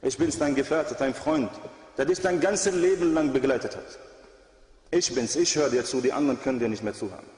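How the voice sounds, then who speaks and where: A man's voice: medium pitch, brisk, darkish tone, natural voice. A man voicing a sly male devil who speaks coaxingly to a dying girl, recorded with echoey hall reverb.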